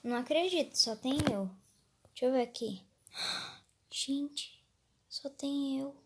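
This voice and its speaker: A woman's voice: high voice, drawn-out words, a bit bright, slight background noise. A woman with a Brazilian accent giving nervous, jumpy let's play commentary, often dropping to a whisper. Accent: Brazilian Portuguese. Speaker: gaming youtuber.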